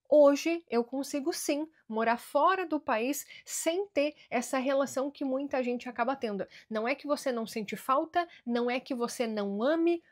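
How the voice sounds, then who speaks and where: A Brazilian woman giving earnest immigration advice straight to camera in a vlog, slowing down to stress key words. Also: high voice. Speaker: immigration vlogger.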